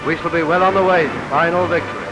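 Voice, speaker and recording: On a low-quality vintage 1940s film soundtrack, a British newsreel narrator reads scripted wartime commentary at a quick pace in a rousing, declamatory manner. His voice is on the high side with fairly even intonation, set against loud newsreel music.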